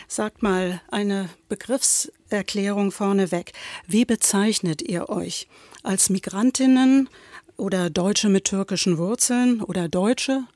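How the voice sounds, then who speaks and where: A woman hosting a talk show with a mid-pitched voice. She introduces her guests and puts clear, direct questions to them. The recording is dry and close to the mic. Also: slow, darkish tone, no echo. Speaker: host.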